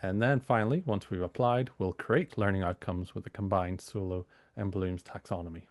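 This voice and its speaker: A British university lecturer, a man a bit hoarse from a cold, giving an informal training talk full of fillers. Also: sits low, fairly even intonation, moderate pace, darkish tone, no echo, studio quality. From United Kingdom. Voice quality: gravelly.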